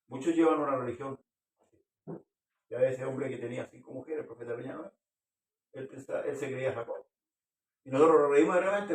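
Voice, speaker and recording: A man's voice: mid-range voice, a little mellow. A man preaching a sermon as pastor, earnestly putting questions to his congregation. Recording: echoey room, far from the mic.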